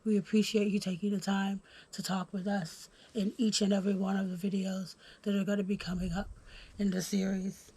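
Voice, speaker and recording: Brisk and slightly breathy, a mid-range female voice leads a laid-back podcast chat. The host, from Houston, Texas, is a bit under the weather, leans on plenty of ums, and reads from notes.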